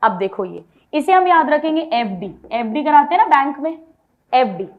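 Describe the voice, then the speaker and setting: A woman's voice: high-pitched, sing-song, normal speed, highs cut off. A woman biology teacher giving an exam-prep lecture, mixing Hindi with English terms and having students repeat names after her. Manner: drills mnemonics, has students repeat names aloud.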